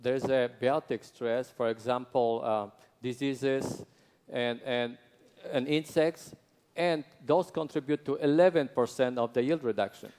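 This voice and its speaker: A man leads a training lecture in halting, broken phrases. He pauses often, repeats words and fills gaps with uh and um. His delivery is very slow and measured, with an ordinary mid-range pitch. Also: a little mellow, clean tone. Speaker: product trainer.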